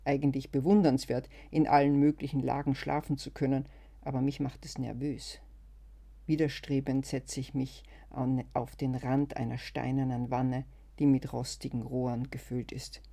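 A first-person storyteller reading in a calm, measured way. The voice is mellow and dark at a middle pitch. Every description is laid out steadily. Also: gravelly. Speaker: narrator.

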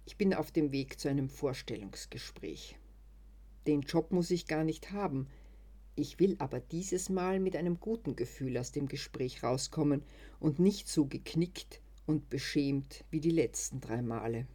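Slow mellow reader doing a first-person story, calm and measured. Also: medium pitch. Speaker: narrator.

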